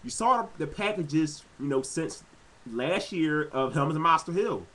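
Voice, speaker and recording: A man casually giving his own commentary on wrestling episodes, animated and quick to exclaim. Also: fairly high pitch, poor audio. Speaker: wrestling fan vlogger.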